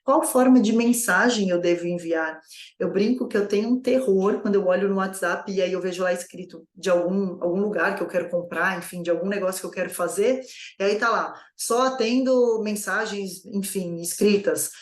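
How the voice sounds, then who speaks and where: A woman's voice: medium pitch, fairly quick, roomy sound. A woman coaching new business owners in a conversational lesson, asking herself many rhetorical questions. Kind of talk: online course lesson.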